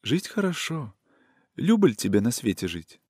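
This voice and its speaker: A man reading a storybook voices a gentle, wistful young woman who speaks in soft, caressing, sing-song folk speech. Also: mid-range voice, very animated, moderate pace, slightly rough, no room sound, clean studio sound. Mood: tender.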